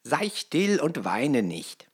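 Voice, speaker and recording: A woman voicing a male frog in a well in a fairy tale, speaking slowly and coaxingly as he bargains. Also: big pitch swings, full character voice. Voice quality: deep and gravelly.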